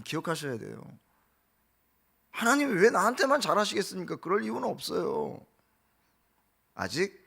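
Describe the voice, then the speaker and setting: In a church sanctuary, a middle-aged pastor preaches a dawn prayer sermon in a high, creaky, fairly bright voice. He's impassioned, firing off rhetorical questions and acting out quotes.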